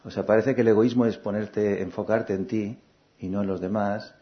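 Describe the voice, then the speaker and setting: A man giving a calm, reflective spiritual talk, repeating phrases and asking gentle questions. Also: fairly low pitch, normal speed. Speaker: spiritual teacher. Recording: dull lo-fi recording.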